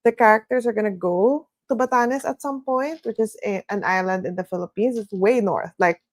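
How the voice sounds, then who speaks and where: A woman's voice: medium pitch, normal speed, no room sound. A woman hosting a livestreamed reading session, chatting casually and easily, sometimes in a sing-songy way. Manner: chatty, relaxed, reads viewer comments aloud; sing-songy delivery at times. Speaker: streamer hosting reading sprints.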